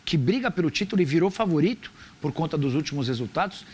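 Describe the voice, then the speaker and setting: Fast, high-pitched Brazilian man arguing football. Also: lively intonation, a little mellow, breathy edge. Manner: argumentative, insistent. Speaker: football pundit. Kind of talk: lively sports debate.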